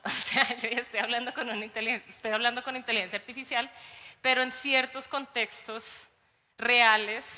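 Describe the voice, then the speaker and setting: Bright-voiced Colombian woman in a hall. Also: a little high. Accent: Colombian Spanish. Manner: lively, animated storytelling with acted quotes and laughs. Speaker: conference speaker, teacher. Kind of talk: conference talk. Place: large conference hall.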